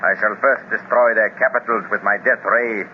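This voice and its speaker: In 1930s radio serial acting, a man plays a scheming master villain, pompous and menacing, with a slow, measured, gloating delivery. His natural voice is lowish and steady. The recording is a hissy, dull 1930s radio transcription.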